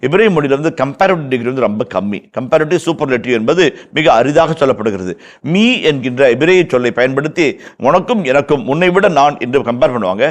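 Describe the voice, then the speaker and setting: A man's voice: medium pitch, animated, quick pace. A man with a Tamil accent, a priest explaining the Bible verse by verse in an impassioned way, repeating phrases for emphasis.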